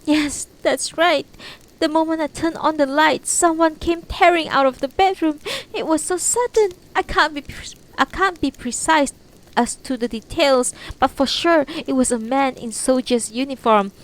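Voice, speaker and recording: A woman's voice: sits high, normal speed, pitched above the performer's own voice, close to an everyday voice, poor audio. A woman voicing a shaken, earnest young lady giving testimony in a storybook reading. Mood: agitated. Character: shaken, discreet young Japanese lady recounting an intruder. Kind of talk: audiobook-style character reading. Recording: noticeable background noise.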